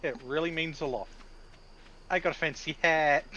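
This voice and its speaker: A man's voice: on the high side, fairly even intonation, moderate pace, bright, forceful tone, highs cut off. Man chatting on a noisy game stream. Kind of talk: casual live-stream gaming chat. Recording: clearly noisy background.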